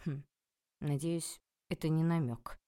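A woman narrating a novel in the first person, expressive and ironic. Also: sits low, a little slow. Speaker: audiobook narrator.

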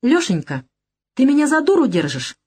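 A woman's voice: high voice, huge pitch swings, moderate pace, mellow, husky, pitched above the performer's own voice, full character voice. A woman reading an audiobook, voicing a sly, teasing young woman who is a gangster's girlfriend. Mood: coaxing.

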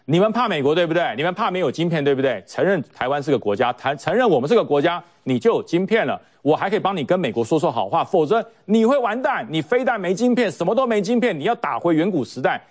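A man's voice: a little high, sing-song, fast, hardly any pauses. A man giving mocking, emphatic political commentary on a talk show. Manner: mocking, emphatic, puts on quoted voices.

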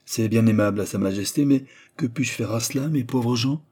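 A man's voice: medium pitch, fairly quick, warm tone, close to an everyday voice. A man voicing a haughty, indignant older cardinal-prince with an imperious, lofty manner.

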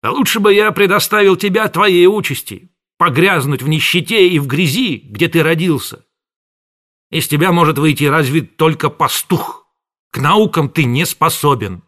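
A man reading an audiobook, voicing a pompous middle-aged male pharmacist who rants and scolds in a loud, raised voice. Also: a little high, pitched above the performer's own voice. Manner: shouting scolding tirade.

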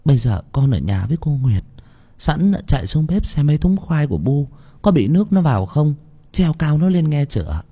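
A man voicing a poor village mother, speaking in a raised voice that turns to shrill screams. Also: sing-song, moderate pace, mellow, breathy edge, full character voice. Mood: instructing. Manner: raised pitch, shrill when terrified.

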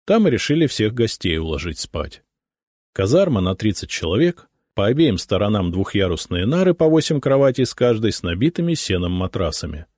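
A male audiobook narrator with a low voice reads a first-person story in a measured way. His intonation rises and falls expressively. The close-miked recording is dry and free of room sound. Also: sing-song, darkish tone, no echo.

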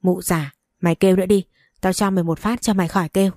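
A fierce young mother from a storybook village, voiced by a woman reader, snapping out threats and scolding with a mellow, dark tone. The sound is close and dry. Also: fairly low pitch, fairly even intonation, quick pace, no echo, lightly acted. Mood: furious.

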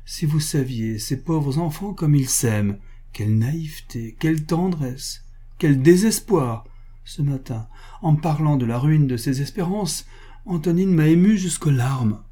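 A man's voice: a little high, expressive, a little slow, dark tone, slightly rough, pitched above the performer's own voice. A man voicing a teasing, witty marquise. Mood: pleading. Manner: playful, coaxing, ironic. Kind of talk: audiobook character reading.

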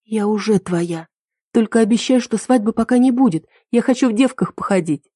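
A woman voicing an emotional young heroine in an audiobook, her lines pitched high and urgent. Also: moderate pace, warm tone, no echo, clean studio sound, close to an everyday voice. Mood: tender.

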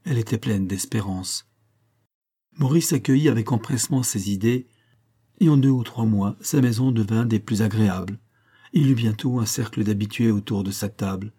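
A man reading a classic novel aloud as an audiobook narrator, telling it in a steady, even way. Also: fairly low pitch, moderate pace, slightly rough.

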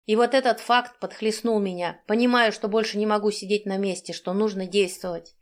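A woman's voice: mid-range voice, steady tone, fairly quick. A woman narrating a first-person audiobook in an emotionally charged, tense reading.

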